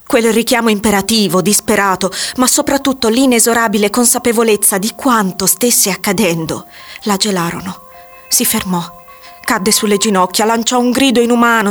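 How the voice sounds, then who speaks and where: A woman giving a measured, dramatic scripted narration of a story. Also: fairly high pitch. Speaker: audiobook narrator. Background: faint music.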